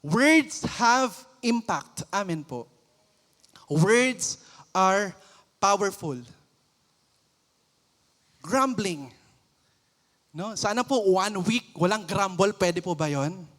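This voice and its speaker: A Filipino man preaching a lively church sermon, playful, acting out everyday scenes and mixing in English phrases. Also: sits high, drawn-out words, pauses often. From Philippines. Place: church sanctuary. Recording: long church hall reverb.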